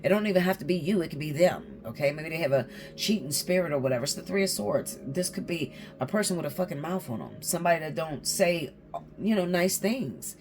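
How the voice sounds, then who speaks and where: A woman's voice: low voice, lively intonation, a little fast, a little mellow, soft background music. A woman giving a casual tarot reading to her viewers, blunt and swearing freely, often checking in with "okay?". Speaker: tarot reader.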